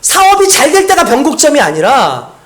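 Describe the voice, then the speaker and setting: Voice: high-pitched, huge pitch swings, normal speed. A pastor preaching a sermon in a conversational, storytelling way, with frequent rhetorical questions to the congregation.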